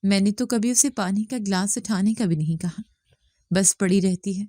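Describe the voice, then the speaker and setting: A woman voicing an older mother-in-law who speaks softly and plays the victim. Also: medium pitch, no room sound, studio quality, lightly acted. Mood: sly. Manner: soft complaining tone, plays the victim. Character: older mother-in-law, sly and self-pitying.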